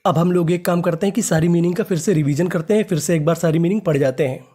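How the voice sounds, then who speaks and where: An English reading teacher who spells words out letter by letter, asks questions and answers them himself, and drawls key words slowly when he repeats them. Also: mid-range voice, dark tone, breathy edge, soft background music.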